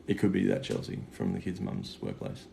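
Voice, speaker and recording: A man's voice: very deep voice, very animated, brisk. A man chatting casually on a livestream as a psychic medium, matey and sweary with plenty of slang. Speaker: psychic medium giving live readings. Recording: clear background noise.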